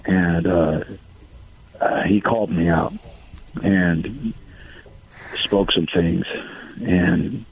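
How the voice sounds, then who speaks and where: A man's voice: deep voice, extremely slow, vocal fry, long pauses, breathy edge. A man calling in to a radio show over the phone, talking in a hesitant, rambling way with lots of fillers. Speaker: caller. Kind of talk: call-in radio conversation. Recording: tinny phone line on radio.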